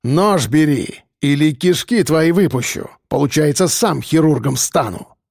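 A man's voice: on the high side, lively intonation, measured pace, creaky, darkish tone, no room sound, exaggerated voice. Brutal male convict ringleader voiced by a man, coarse and domineering; dry audiobook read. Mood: menacing. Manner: coarse, barking slang threats.

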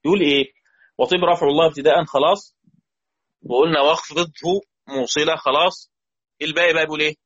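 A man with an Egyptian accent teaching Quran readings, often repeating phrases and asking his students if it is clear. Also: a little high, steady tone, fast, long pauses, a bit bright. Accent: Egyptian Arabic. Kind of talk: lesson. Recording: dull lo-fi recording.

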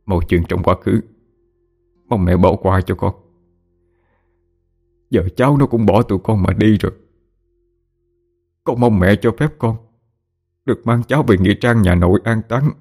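A man as a sorrowful gentle father, low voice. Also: unhurried, long pauses, soft background music. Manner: soft, consoling.

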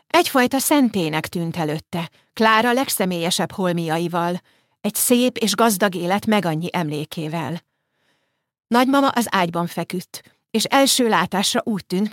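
Low-voiced woman narrating an audiobook. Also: expressive, no room sound, clean studio sound. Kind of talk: scripted narration.

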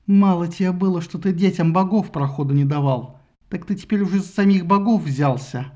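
A man's voice: sits high, brisk, a little mellow, natural voice. A man voicing a fussy goddess mother who scolds her son and fawns to a god, in a satirical audiobook. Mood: hissing. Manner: scolding shrilly, fawning to superiors.

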